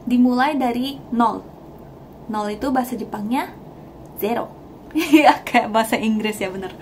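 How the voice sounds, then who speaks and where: A young woman giving a casual language lesson, chatty and laughing often, repeating words slowly for learners. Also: on the high side, a little hiss or hum. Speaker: Japanese language teacher.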